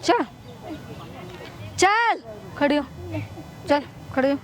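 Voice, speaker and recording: A woman's voice: sits high, animated, very slow, heavily acted. A woman playing a cruel, greedy young daughter-in-law who scolds and threatens her mother-in-law in a staged outdoor skit by a river. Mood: threatening. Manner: scolding, threatening, repeating orders.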